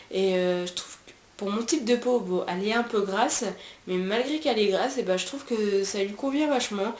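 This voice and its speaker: Chatty French woman in an echoey room. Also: mid-range voice. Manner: chatty, many fillers and restarts. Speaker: beauty vlogger. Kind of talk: casual product review. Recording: roomy echo, faint background hiss.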